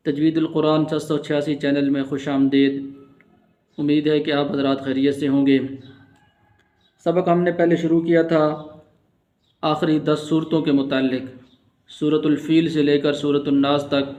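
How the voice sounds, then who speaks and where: A man's voice: fairly high pitch, darkish tone. Patient man teaching tajweed. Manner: patient, repetitive explaining, slow drawn-out chanting of verses. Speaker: Quran recitation teacher. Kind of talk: Urdu-language tajweed lesson with chanted recitation.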